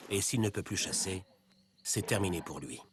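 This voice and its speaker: A man narrating a nature documentary from a script, in a measured, dramatic storytelling manner. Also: low-pitched, background noise. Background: loud background music.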